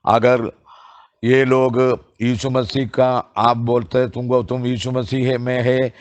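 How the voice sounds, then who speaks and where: A male preacher delivers a sermon at an unhurried, measured pace in a flat, even tone. He stumbles and restarts phrases with filler sounds, and he reads scripture passages slowly and deliberately. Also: mid-range voice.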